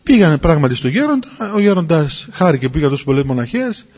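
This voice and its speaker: A man preaching to his listeners through a lively story, acting out the dialogue. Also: on the high side, husky, lo-fi sound. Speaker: preacher telling an edifying story.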